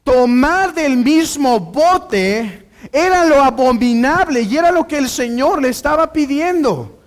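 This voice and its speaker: A man's voice: extremely high pitch, animated, a little slow. A man preaching an expository sermon, calling the congregation brothers and acting out the dialogue of the passage. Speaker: pastor.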